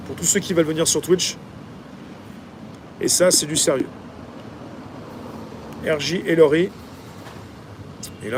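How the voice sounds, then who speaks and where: A man with a somewhat high voice reads a novel aloud and talks it over in a loose, hesitant way, full of fillers and restarts. Traffic and street noise can be clearly heard behind him. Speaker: YouTube channel host. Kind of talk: reading a novel aloud and commenting. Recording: noisy with traffic outside.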